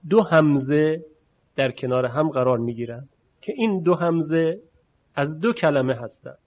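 A man leads a recitation lesson, explaining rules patiently and stretching out sounds to show them. His voice sits a little high. The recording is dull and lo-fi. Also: animated, a little mellow. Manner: patient, demonstrating sounds slowly and repeating them. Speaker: Quran recitation teacher.

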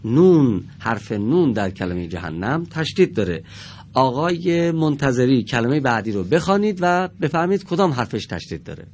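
In a studio-filmed TV lesson, a man speaks with a medium-pitched, darkish voice that swings widely in pitch, over a slight hiss or hum. He encourages the pupils patiently, stretching out every example word with slow deliberation.

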